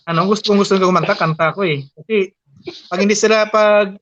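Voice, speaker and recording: Halting man chatting on lo-fi stream. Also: high voice, fairly bright tone. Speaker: vlog host. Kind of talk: casual chat. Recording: dull lo-fi live stream audio.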